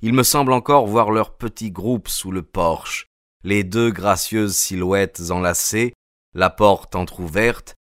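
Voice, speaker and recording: A man narrating a story in the first person at a measured pace. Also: low-pitched, a bit bright, dry recording, clean studio sound. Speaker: audiobook reader.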